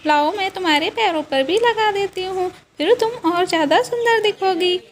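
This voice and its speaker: Woman voicing a chatty young sister-in-law, very high voice, doll story role-play, eager. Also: normal speed. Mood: cheerful.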